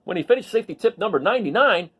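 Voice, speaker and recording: A man's voice: high-pitched, animated, very fast, husky. A man reading a picture book aloud expressively, emphasizing key words and adding chatty asides to his listeners.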